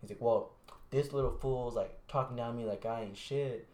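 A young man on a podcast casually telling a long story, swearing freely and acting out the other people's lines in a lower mumble. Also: moderate pace. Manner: relaxed, swearing, acts out quotes in a low mumble. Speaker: podcast host. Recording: echoey room.

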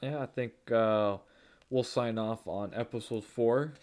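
A man's voice: mid-range voice, a little slow, darkish tone. A man co-hosting a casual podcast with laid-back, dry teasing remarks. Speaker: podcast co-host.

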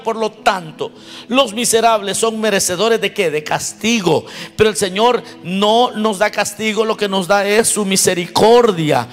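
A man preaching a sermon in an emphatic way, asking his congregation questions as he goes. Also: sits high. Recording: long hall reverb with faint music.

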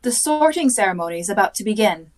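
A woman voicing a strict older female teacher with a sharp, clipped manner. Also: medium pitch, expressive, quick pace, no room sound, natural voice. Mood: commanding.

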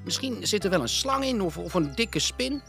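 A man's voice: sits high, very animated, moderate pace, vocal fry, music in the background, voice pushed up, heavily acted. A man voicing a small cautious boy bear cub who stammers and worries. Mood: worried. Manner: hesitant, stammering, earnest.

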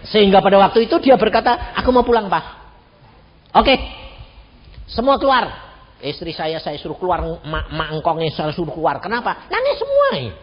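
A man, preaching a sermon as pastor, telling a family story with lively acted-out voices. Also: high voice, moderate pace, slight background noise. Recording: dull radio broadcast in a reverberant hall.

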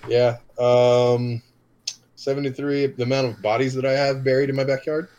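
A man co-hosting a podcast in casual chat, cracking dry deadpan jokes. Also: medium pitch, normal speed, muffled recording. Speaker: podcast co-host.

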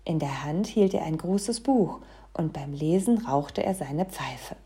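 Female storybook reader, expressive, warm and husky. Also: sits low, measured pace. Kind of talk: storybook reading aloud.

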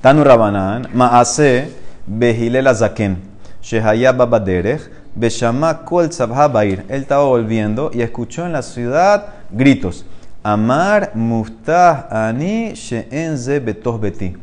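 A man's voice: mid-range voice, animated, darkish tone. Man teaching a Talmud class. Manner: reads Aramaic slowly, then explains in Spanish; asks the listener questions.

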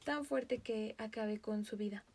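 A woman with a Mexican Spanish accent, hosting a podcast and telling a story in a casual, animated way, often breaking into laughter. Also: a little high, moderate pace, gravelly, very noisy. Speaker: podcast host.

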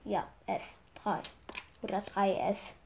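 A woman's voice: mid-range voice, steady tone, slow pace, creaky, slight background noise. A woman playing a board game against a friend, playful and sing-song, joking between moves. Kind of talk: casual game chat.

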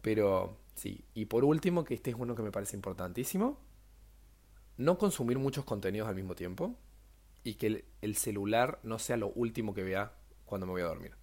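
Young man, Rioplatense accent, low-ish voice, casual podcast monologue, self-mocking, bursts up high. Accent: Rioplatense Spanish. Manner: chatty, self-mocking, animated jumps in pitch. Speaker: podcast host.

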